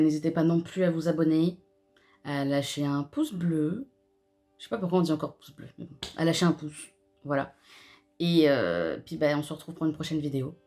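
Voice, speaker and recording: Young woman chatting away, lowish voice, slangy, keeps restarting her sentences. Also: mellow. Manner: chatty and slangy, with frequent fillers, restarts and laughter. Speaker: YouTuber reviewing a TV episode. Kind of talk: casual chat.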